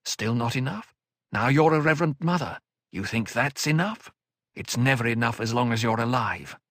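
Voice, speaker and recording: A man's voice: mid-range voice, animated, fairly bright tone, no echo. A man doing a cool, needling older mentor woman. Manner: measured, dry, needling. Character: calm, cutting older woman, a wise mentor.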